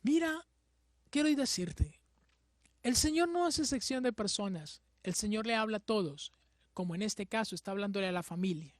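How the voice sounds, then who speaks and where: A young adult woman preaching a sermon, shifting from soft asides to loud exclamations. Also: mid-range voice, expressive, normal speed, dry recording, studio quality. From Colombia.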